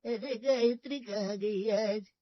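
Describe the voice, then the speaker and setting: A woman voicing a stern, fussy old grandmother in a cartoon, speaking slowly and scolding. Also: mid-range voice, no room sound, lightly acted. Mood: grumbling. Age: older. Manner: slow, scolding. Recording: dull lo-fi dry recording.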